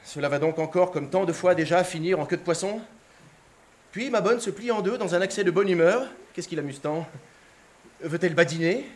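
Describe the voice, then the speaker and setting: A theatrical male narrator gives a dramatic reading of a literary text in a brisk, high-pitched voice. His delivery is expressive, moving from hushed tones to excitement.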